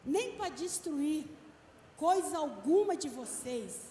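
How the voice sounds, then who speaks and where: A woman pastor giving an emphatic sermon, stretching out key words slowly. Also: high-pitched, very animated, mellow, slight background noise. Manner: emphatic preaching, slow and drawn-out stresses. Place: church. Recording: echoey hall with long reverb, faint ambience.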